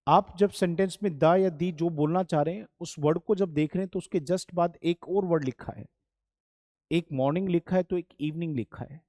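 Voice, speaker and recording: A man's voice: a little high, normal speed, warm tone, no echo, studio quality. A man teaching English grammar, patient and repetitive, addressing students as children. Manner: patient, repeats points, calls students "beta" and "bachhon". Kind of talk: classroom lesson.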